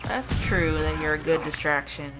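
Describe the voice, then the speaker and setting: A woman's voice: low voice, normal speed, music in the background. A young woman chatting casually and teasing her partner as he plays a game. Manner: teasing, playful. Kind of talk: casual chat while watching a game.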